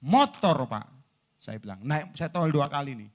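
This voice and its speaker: A man preaching a sermon to a congregation. He acts out both sides of conversations and swings from loud to soft. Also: a little high, fairly quick. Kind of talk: lively sermon. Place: large indoor church hall.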